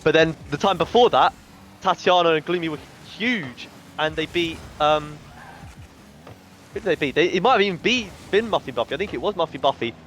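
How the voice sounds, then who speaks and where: A man's voice: a little high, animated, fairly quick, fairly bright tone, a little hiss or hum. A man commentating an online esports tournament in a chatty way, with announcer-style hype lines. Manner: chatty, reads out team chats, hype lines.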